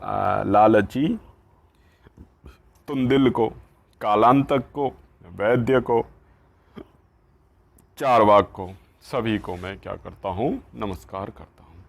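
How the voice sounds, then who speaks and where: A man's voice: on the low side, creaky. A man teaching a textbook lesson, reading lines aloud and explaining each word. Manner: slow, reads Sanskrit lines then explains in Hindi. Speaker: Sanskrit teacher.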